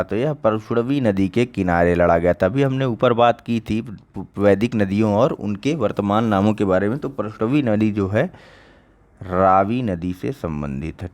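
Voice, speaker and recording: A man with a fairly low voice teaches an online exam-prep lesson. He talks in a casual, chatty way, repeats each answer and often stops to check that his students are following. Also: a little mellow. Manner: conversational, repeats key answers, checks understanding with "ठीक".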